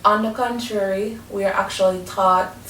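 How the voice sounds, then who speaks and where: Steady in tone and moderate in pace, a woman from Jamaica explains language and culture in an educational talk, her Jamaican accent clear. A faint rumbling, a far-off mic and room echo colour the recording.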